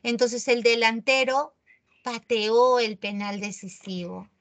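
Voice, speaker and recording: A woman's voice: a little high, steady tone, slow pace, a bit bright. A woman teaching a grammar lesson, correcting common mistakes and checking with the class through rhetorical questions.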